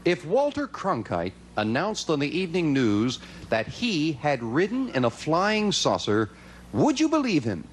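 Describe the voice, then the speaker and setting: High-pitched, animated man hosting a game show. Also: measured pace. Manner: animated, reads out questions and calls outcomes. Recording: noisy TV studio with loud audience. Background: studio audience crowd noise.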